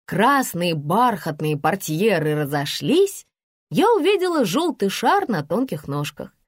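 A woman reads a humorous first-person story with an ironic, lively delivery, her pitch rising and falling freely. Her voice sits in a middle register and is recorded dry and close, with no room sound. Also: measured pace, no room sound. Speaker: audiobook narrator. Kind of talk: expressive audiobook narration.

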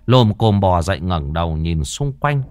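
Expressive male horror storyteller. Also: low-pitched, normal speed, clear, resonant tone. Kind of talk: dramatic horror story narration.

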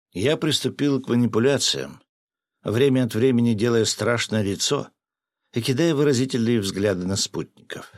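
Male audiobook narrator, low and gravelly, lively and expressive reading. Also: no room sound, clean studio sound. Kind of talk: first-person audiobook narration.

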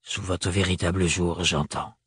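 A man's voice: deep voice, flat delivery, unhurried, a bit bright, breathy edge, dry recording, clean studio sound, pitched below the performer's own voice, heavily acted. A man voicing a tall, stern and cold nobleman in an audiobook, curt and hard in his delivery. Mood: stern, low.

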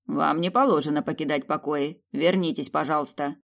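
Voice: medium pitch, steady tone, normal speed, creaky, natural voice. An audiobook reader voicing a dutiful palace guard who speaks evenly, politely and stubbornly. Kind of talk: audiobook character voice.

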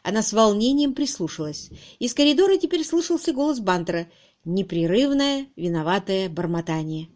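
A woman narrating an audiobook in an expressive, dramatic reading style. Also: medium pitch, normal speed. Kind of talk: scripted narration.

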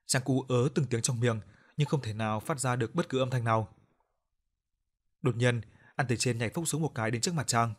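A man narrating a horror story in a measured, scripted storytelling manner. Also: mid-range voice.

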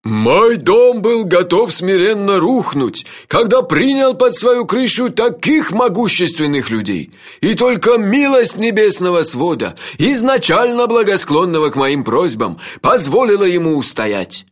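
A man voicing a pompous male palace host who shouts slow, florid courtesies in a baritone. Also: big pitch swings, exaggerated voice. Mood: grandiose.

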